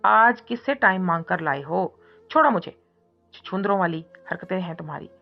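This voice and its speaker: A woman voicing a feisty, defiant young heroine who snaps back with quick scolding retorts in an audiobook reading. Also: medium pitch, lightly acted. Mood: indignant. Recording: muffled recording with soft music.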